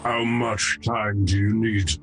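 A man's voice: on the low side, flat delivery, takes it slowly. A man playing a guarded, defiant nineteen-year-old mortal in tabletop role-play. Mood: wary, questioning.

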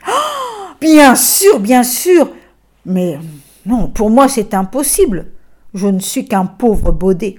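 A woman's voice: mid-range voice, animated, takes it slowly, a little mellow. A woman voicing a humble, sad young male donkey who talks meekly and with wonder in a storybook tale. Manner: meek, wondering, self-pitying.

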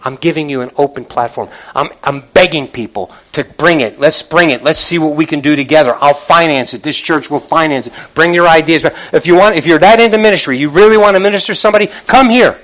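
A male pastor delivers a motivational sermon in a high-pitched voice. He exhorts his listeners directly and emphatically, repeating key phrases. His wording is colloquial and conversational, full of rhetorical questions. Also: fast, few pauses, fairly bright tone. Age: middle-aged or older. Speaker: pastor preaching to a congregation.

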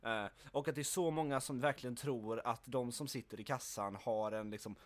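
A young adult man hosting a podcast, chatting casually and rambling with many fillers and restarts. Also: mid-range voice. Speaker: podcast host. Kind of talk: casual chat.

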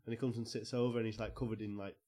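A man's voice: fairly low pitch, little pitch movement, racing, dark tone. A man narrating as game master in loose, casual speech with many fillers.

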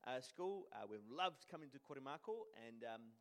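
Male, young adult, New Zealand accent, medium-pitched voice; relaxed lay preacher, unpolished and modest. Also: normal speed. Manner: hesitant, self-deprecating, casual. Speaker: church speaker giving a sermon. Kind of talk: informal sermon.

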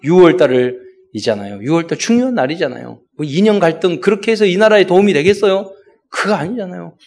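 Korean-speaking man preaching with animated pitch. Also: fast talker, vocal fry. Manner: preaching with rising exhortations and acted quotes. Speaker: pastor. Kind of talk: sermon.

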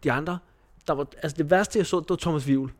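A man co-hosting a casual podcast, chatting in animated bursts and swearing often. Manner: animated, swears often, jumps up in pitch for emphasis. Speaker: podcast co-host.

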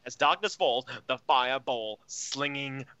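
A man's voice: medium pitch, measured pace, pushed and bright, highs cut off. A young man co-hosting a casual comedy podcast, reading odd news items with jokey asides. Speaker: podcast co-host.

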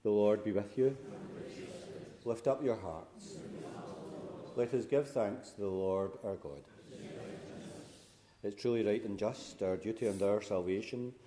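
Low-voiced priest reciting solemn prayers. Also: male voice, mellow. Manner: solemn, formal. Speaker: priest celebrating a funeral Mass. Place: church.

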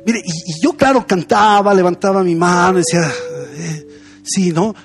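A man's voice: high voice, normal speed, gravelly, faint music behind. A young man, a pastor giving a conversational sermon full of personal stories. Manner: conversational, anecdotal preaching.

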